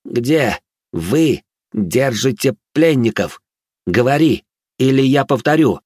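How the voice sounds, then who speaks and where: A man's voice: medium pitch, fairly quick, darkish tone, no room sound, clean studio sound, natural voice. A man voicing a grim young warrior who raises the dead, barking harsh commands. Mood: commanding.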